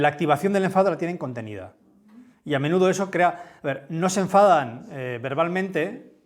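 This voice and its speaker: A man from with a big, booming voice gives a conference talk in a lecture room, speaking conversationally and often checking in with his listeners. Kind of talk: conference talk with audience questions.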